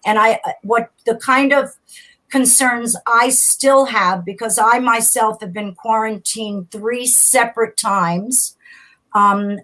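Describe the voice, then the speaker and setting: Woman guest calling into a radio talk show, steady and reassuring, explains school policy. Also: fairly high pitch, rough recording. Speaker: teachers' union leader, guest. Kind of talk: call-in radio interview. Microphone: remote call.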